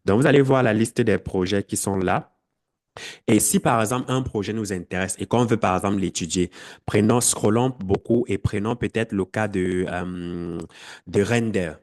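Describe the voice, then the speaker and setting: A man's voice: lowish voice, moderate pace, a little mellow. A man explaining a screen-share tutorial to his viewers, with frequent fillers and self-corrections. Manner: talks straight to viewers. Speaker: crypto educator.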